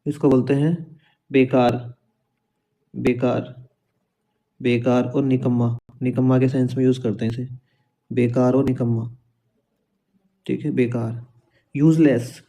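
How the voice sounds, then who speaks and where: A man leads a vocabulary lesson in a very dark, mellow voice. He keeps a flat, even pitch while he repeats each word several times. He coaxes his students along and keeps checking whether they follow. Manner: repetitive, coaxing, keeps asking "is it?". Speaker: teacher. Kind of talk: vocabulary lesson with memory tricks.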